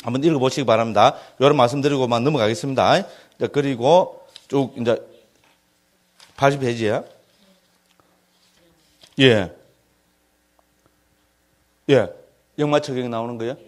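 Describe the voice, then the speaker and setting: A middle-aged man with a Gyeongsang accent, a Buddhist monk giving a relaxed classroom lecture. He talks loosely and keeps checking for the class's agreement. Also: medium pitch, moderate pace, long pauses. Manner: chatty, keeps asking listeners for agreement.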